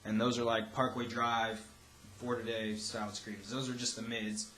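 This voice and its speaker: A man's voice: mid-range voice, level tone, moderate pace, fairly bright tone. A young man giving a casual, loosely rambling tutorial as a vocal instructor. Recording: roomy echo, faint background noise.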